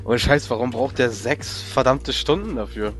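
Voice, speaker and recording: A man's voice: mid-range voice, moderate pace, fairly bright tone. A man, grumbling and confused while chatting as he plays a game with friends. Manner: confused, grumbling, swears casually. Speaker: let's play gamer. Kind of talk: casual gaming banter. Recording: voice chat with faint background music.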